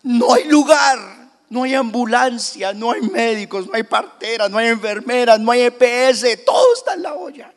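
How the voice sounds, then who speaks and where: A preacher playing a frantic, desperate old Joseph, pleading in a high, strained shout. The voice rings through a church hall with a long reverb. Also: male voice, animated, moderate pace.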